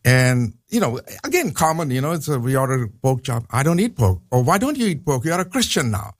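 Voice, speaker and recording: A man with a Pakistani accent appears as a guest professor in a radio interview, his mid-range voice sing-song and fairly quick. He explains earnestly, returning to his points to stress them, and the studio sound is dry and close.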